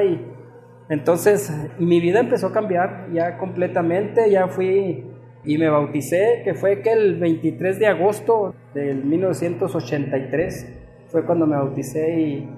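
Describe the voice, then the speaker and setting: A man's voice: a little high, dark tone, echoey room. A man giving a personal religious testimony as a former musician, telling his story earnestly and often quoting his own past words.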